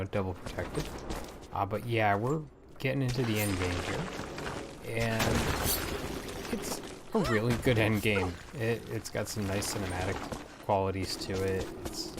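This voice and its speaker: A man's voice: fairly low pitch, creaky, very noisy. A man hosting a let's play, giving rambling, filler-heavy casual gameplay commentary.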